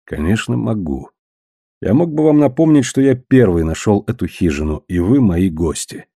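A man doing a calm, softly ironic man. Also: fairly low pitch, breathy edge, no echo, clean studio sound, heavily acted. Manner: soft and slow-spoken. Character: calm ironic man, gentle, quietly menacing.

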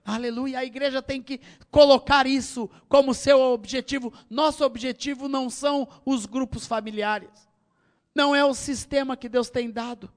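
Preaching at a normal speed, a middle-aged pastor from Brazil speaks with a Brazilian Portuguese accent. He shifts between loud, high-pitched exhortation and soft, low passages, though his intonation stays fairly even overall.

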